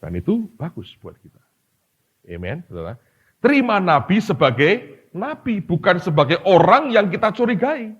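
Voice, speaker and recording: A man's voice: sits high, moderate pace, slightly rough. A man, preaching a sermon as a pastor and telling stories with acted-out voices. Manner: animated storytelling, acting out voices in quotes. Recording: dull lo-fi sermon recording.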